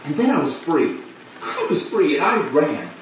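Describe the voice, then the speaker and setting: An actor playing a flamboyant man who tells his story in a halting, breathless theatrical monologue. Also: a little high, wildly swooping pitch. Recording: echoey room, distant mic, faint hum.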